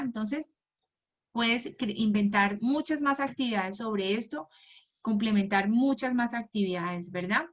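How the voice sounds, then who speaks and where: Patient, higher-voiced woman teaching parents. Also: a bit bright. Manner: patient, asks "¿verdad?" and "¿sí?" often; slow, clearly articulated model words. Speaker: homeschool teacher. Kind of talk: instructional talk to parents.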